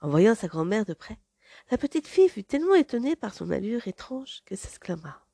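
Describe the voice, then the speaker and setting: A woman narrating a fairy tale in an expressive, dramatic read-aloud manner. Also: medium pitch, a little fast, vocal fry, husky, no echo. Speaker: storyteller.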